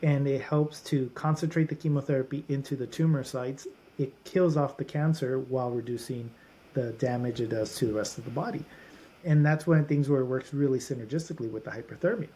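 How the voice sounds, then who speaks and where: A man's voice: medium pitch, fairly quick, dark tone. A man who is a doctor at a holistic clinic, a guest on a podcast, explaining treatments in runs of lists with frequent restarts.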